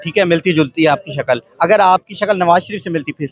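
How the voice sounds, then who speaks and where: A man working as a field reporter at an outdoor rally, questioning attendees in a brisk, chatty way and reporting from the scene. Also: fairly high pitch. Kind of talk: street interviews and on-scene reporting. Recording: dull lo-fi field recording.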